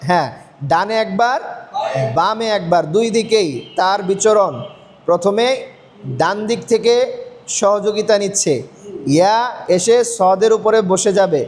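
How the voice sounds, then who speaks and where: A man teaching Quran reading step by step, asking questions and answering them himself, slowing down to spell out letters. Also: high voice, fairly even intonation. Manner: slows down to spell out and recite letters. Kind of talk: step-by-step recitation lesson.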